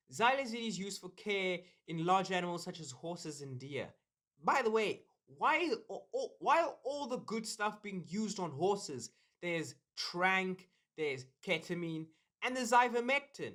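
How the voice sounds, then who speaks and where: High-voiced sarcastic male commentator. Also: a bit bright. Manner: wry, sarcastic asides. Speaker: commentary video host.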